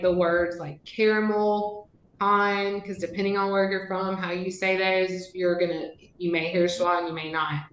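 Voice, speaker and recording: A woman's voice: medium pitch, a bit bright, echoey room, poor audio. A woman giving a teacher training presentation in a conversational way, with frequent fillers. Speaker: literacy trainer.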